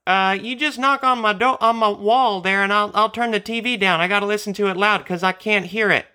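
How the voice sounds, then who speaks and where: A man voicing a loud, deaf older male neighbor who talks slowly and draws out his words. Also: high voice, fairly even intonation, voice pushed up. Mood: friendly.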